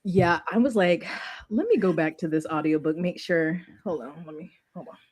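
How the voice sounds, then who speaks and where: A woman co-hosting a podcast in casual chat, reacting with drawn-out exclamations. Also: fairly low pitch, darkish tone. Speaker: podcast co-host.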